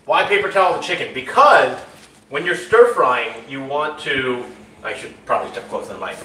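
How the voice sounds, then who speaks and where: A man's voice: mid-range voice, expressive, fairly quick, roomy sound, background noise. A man hosting a casual cooking live stream from his kitchen, teasing his co-host and greeting viewers in the chat. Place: home kitchen.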